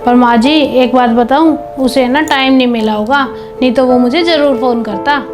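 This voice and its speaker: A woman's voice: sits high, fairly even intonation, normal speed, lightly acted. A woman playing a young, newly married daughter-in-law in a family drama. She talks to her mother-in-law in an earnest, chatty way. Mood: eager. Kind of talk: scripted home video family drama. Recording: background music under dialogue.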